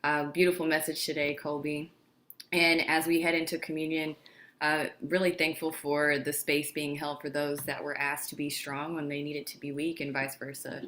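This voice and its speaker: A woman with a low voice greets viewers of a church livestream. Her tone is casual and friendly, and she fills her pauses with "uh.". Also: level tone, fairly bright tone. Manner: friendly, with filler "uh"s. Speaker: service co-host.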